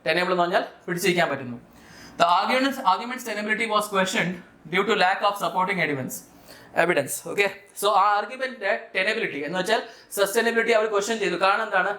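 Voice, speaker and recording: A Malayali man with a high, bright voice gives an explanatory lesson as a teacher. He speaks didactically, putting questions to the learner as he goes. The room adds a clear echo. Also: lively intonation, brisk. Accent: Malayali Indian. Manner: didactic, checks understanding with questions. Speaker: vocabulary teacher for exam students. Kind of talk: explanatory lesson, mixing English terms into speech. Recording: echoey room.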